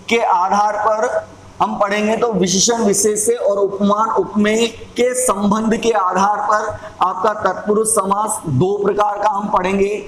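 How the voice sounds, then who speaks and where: A man explains grammar at a slow, unhurried pace, his voice pitched high and held level with little rise or fall. He repeats points patiently and clears his throat from time to time. The room is echoey, with a faint hum of ambient noise behind him. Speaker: Hindi grammar teacher.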